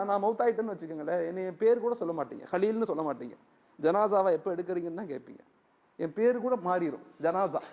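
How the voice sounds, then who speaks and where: High-voiced gravelly preacher. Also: male voice. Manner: storytelling, quoting others in dialogue; gentle exhortation with repeated phrases. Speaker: Islamic preacher. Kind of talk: sermon.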